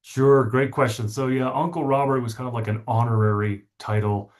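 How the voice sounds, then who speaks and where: A middle-aged author, appearing as a podcast guest, tells his story articulately and stresses points by repeating them. His mid-range voice holds a steady tone at a moderate pace.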